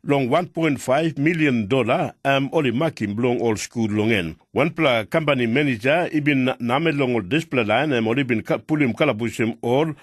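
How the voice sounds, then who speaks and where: A man's voice: mid-range voice, normal speed, few pauses, dry recording, studio quality. A man with a Papua New Guinean accent reads scripted radio news in pidgin.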